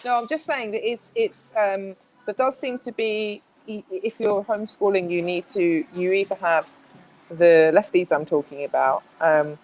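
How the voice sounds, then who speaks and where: A woman's voice: mid-range voice, fairly even intonation, moderate pace, a little mellow, rough recording. A woman speaking as a guest in a casual interview, chatty, with many restarts and fillers.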